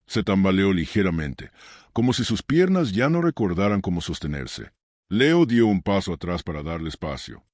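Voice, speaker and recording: Deep-voiced male story narrator. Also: very animated, darkish tone, no echo, studio quality. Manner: measured, dramatic pauses.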